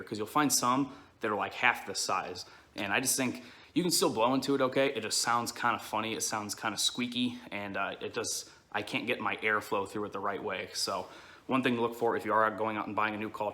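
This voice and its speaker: Casual, bright-voiced man giving a lesson. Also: fairly low pitch. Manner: informal, explanatory, frequent check-ins like "okay" and "all right". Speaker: duck-calling instructor. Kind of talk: casual hands-on tutorial.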